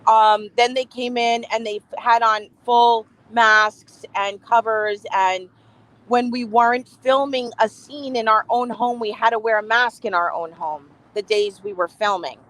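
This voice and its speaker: A woman's voice: a little high, fairly even intonation, measured pace, a bit bright. A woman guest on a remote call with a bad connection, chatting emphatically and laughing often. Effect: remote call audio with a bad connection. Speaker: reality TV cast member, guest. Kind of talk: casual chat interview. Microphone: remote video call.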